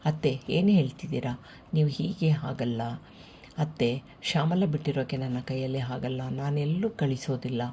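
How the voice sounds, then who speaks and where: A narrator putting on a young husband, lovesick and a little petulant, in a storybook reading. The voice sits mid-pitch with a warm, dark colour. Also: male voice, moderate pace, a little hiss or hum, natural voice. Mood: protesting.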